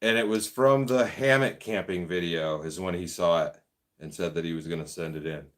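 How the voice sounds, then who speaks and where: A man's voice: sits low, normal speed, fairly bright tone. A man hosting a casual live stream, reading viewer comments and chatting in a laid-back way, laughing often. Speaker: livestream host.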